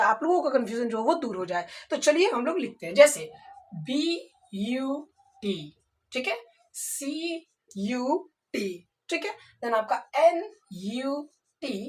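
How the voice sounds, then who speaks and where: A young woman gives a grammar lesson and spells each word out one letter at a time. She asks her students questions and then answers them herself. Her fairly high voice rises and falls a great deal. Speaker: English grammar teacher. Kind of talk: classroom-style lesson in Hindi.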